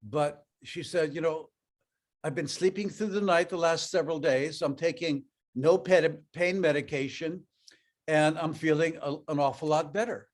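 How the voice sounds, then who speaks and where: An older man whose voice is slightly higher than most tells a personal story to an audience as a network marketing speaker. He grew up speaking Ukrainian, comes from Europe, and was raised in North America. He talks at normal speed in a loose, conversational style full of fillers.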